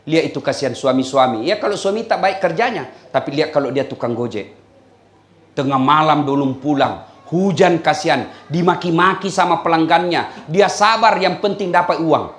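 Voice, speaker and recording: A man's voice: fairly high pitch, normal speed, a bit bright. A male Islamic preacher with a Makassar Indonesian accent giving a humorous sermon, joking and putting tag questions to his audience. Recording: roomy echo.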